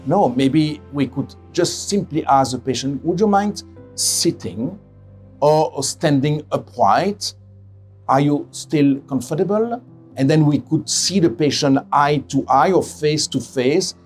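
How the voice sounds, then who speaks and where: A middle-aged man from Belgium, a head of radiation oncology giving a measured interview, often correcting himself and stressing key words. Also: fairly high pitch, animated, faint music behind. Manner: measured, self-correcting, emphatic. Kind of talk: interview testimonial.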